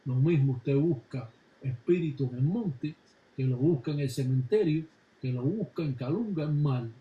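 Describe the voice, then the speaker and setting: A man calmly explaining religious rituals in a measured, instructive way. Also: a little high, muffled recording. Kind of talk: explanatory narration. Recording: echoey room with background noise.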